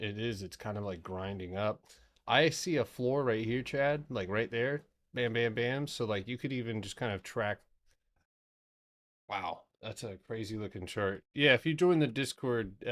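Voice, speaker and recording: A man's voice: fairly low pitch, fairly bright tone. A man in his thirties hosting a trading live stream, talking loosely through charts, swearing now and then and answering his chat. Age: 30s.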